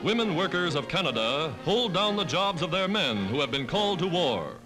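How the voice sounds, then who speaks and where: A man's voice: fairly high pitch, sing-song, normal speed. A man narrating a 1940s wartime newsreel with an emphatic declaiming delivery. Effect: old newsreel narration over loud music. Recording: old newsreel soundtrack with loud music. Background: loud music.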